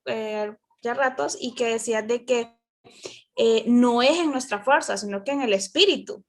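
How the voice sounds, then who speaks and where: A woman, talking in a rambling, casual way over a video call, full of fillers and restarts. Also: high voice. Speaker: Bible study group member. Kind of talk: casual group discussion.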